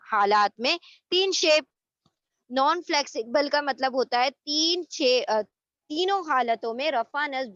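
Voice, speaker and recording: A woman's voice: high voice, fairly bright tone, no echo, lo-fi sound. A woman teaching an online Arabic grammar lesson, explaining patiently and repeating each term, with English words mixed into her speech.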